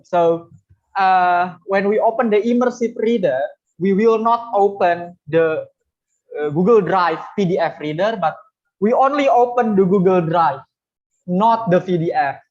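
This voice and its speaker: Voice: medium pitch, a little mellow. An English teacher, giving a casual, chatty online teaching demo with many fillers. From Indonesia. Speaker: webinar presenter, English teacher. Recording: dull lo-fi webinar audio.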